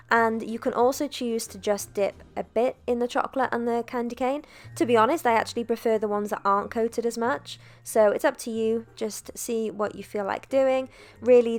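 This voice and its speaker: A young woman narrating a cooking video in a chatty, relaxed voice-over, with self-deprecating asides. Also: fairly high pitch. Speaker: cooking vlogger.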